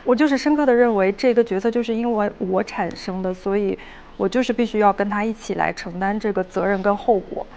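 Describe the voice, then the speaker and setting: A woman chatting on a watch-along panel, speaking hesitantly and thoughtfully with many pauses. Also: mid-range voice, a little mellow, muffled recording, slight background noise. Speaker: reality show cast member on a watch-along panel. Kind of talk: casual chat.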